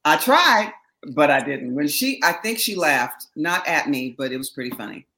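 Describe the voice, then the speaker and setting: Lively middle-aged woman telling stories. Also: sits low, moderate pace. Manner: animated storyteller, laughs often, acts out quotes. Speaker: interview guest, backing singer. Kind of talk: casual interview chat.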